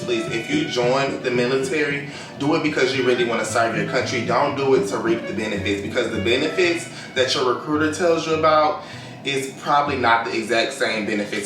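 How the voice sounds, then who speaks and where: Man in a roomy, distant-sounding recording. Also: mid-range voice. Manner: informal, candid, explanatory. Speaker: storytelling vlogger, former Air Force member. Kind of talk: casual direct-to-camera storytime talk. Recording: roomy echo, distant mic, music behind. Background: clear background music.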